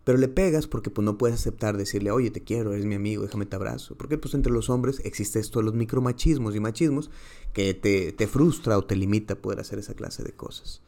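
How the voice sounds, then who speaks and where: A man's voice: lowish voice, fairly quick, warm tone. A man, a psychologist explaining ideas with small acted-out dialogues. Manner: acts out little dialogues in varied voices.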